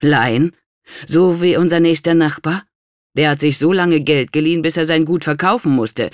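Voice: mid-range voice, animated, brisk, no echo, clean studio sound, close to an everyday voice. A narrator voicing an indebted nobleman who answers bitter and weary, raising his voice in disdain.

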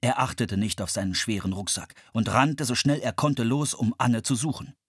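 A narrator reading a children's adventure story aloud in a lively, animated way. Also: medium pitch, moderate pace, slightly rough, no echo, studio quality. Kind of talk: audiobook narration.

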